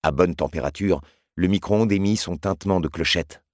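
A man reading a story aloud in a measured, grave way. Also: deep voice, dry recording, studio quality. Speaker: narrator. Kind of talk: scripted audiobook narration.

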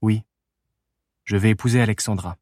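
A male narrator plays a fifty-year-old father, pompous and sorry for himself, declaring things emphatically. His low voice sits dry and close. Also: fairly even intonation, moderate pace, darkish tone, no room sound, natural voice. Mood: emphatic. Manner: emphatic, sighing.

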